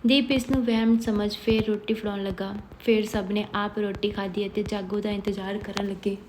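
A woman reading a story aloud at a steady, even pace, slowing down for the folk song verses. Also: mid-range voice, background noise.

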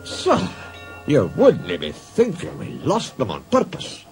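A man's voice: medium pitch, huge pitch swings, takes it slowly, music in the background, exaggerated voice. A man voicing cheeky male twin engines with a Scottish accent, sounding sly and innocent.

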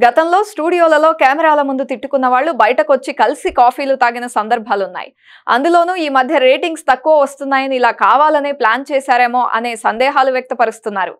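A woman presenting entertainment news, reading a script in a brisk, even manner. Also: high-pitched.

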